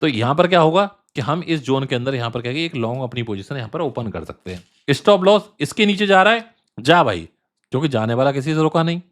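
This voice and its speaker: A man hosting a crypto trading channel, talking casually through chart analysis, repeating phrases for emphasis and filling pauses with fillers. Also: mid-range voice, sing-song.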